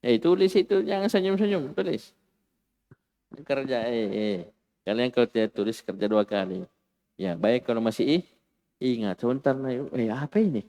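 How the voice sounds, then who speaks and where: A man teaching an Arabic grammar lesson in a classroom, lively and animated, acting out exclamations for his students. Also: medium pitch, normal speed, in a large hall. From Indonesia.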